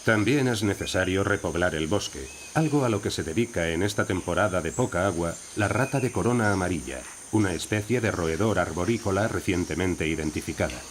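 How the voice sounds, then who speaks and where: A man's voice: low voice, lively intonation, fairly quick, hardly any pauses. A man reading scripted narration as the narrator of a nature documentary. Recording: insect and wildlife noise behind voice. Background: rainforest ambience with crickets and insects.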